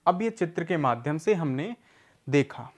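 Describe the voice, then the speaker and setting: In this recorded lesson for adult literacy learners, the male teacher asks questions and then patiently answers them, saying words slowly and more than once. His pitch is fairly high and his intonation lively.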